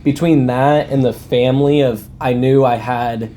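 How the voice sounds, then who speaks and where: A young man in his twenties talks casually as an interview guest, easygoing and quick to laugh. His sentences wander and restart as he thinks aloud. A faint noise sits under the recording. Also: medium pitch, steady tone, mellow. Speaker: guest alumnus.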